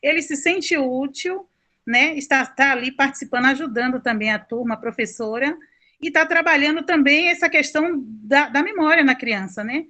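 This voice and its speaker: A woman's voice: high-pitched, normal speed, bright, forceful tone. A woman with a Brazilian Portuguese accent giving an online course presentation, explaining at length with many fillers and self-corrections. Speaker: lecturer.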